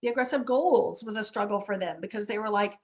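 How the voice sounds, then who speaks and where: A woman's voice: mid-range voice, fairly quick. A woman run club coach telling a story in a casual interview, chatty, full of fillers and "you know what I mean".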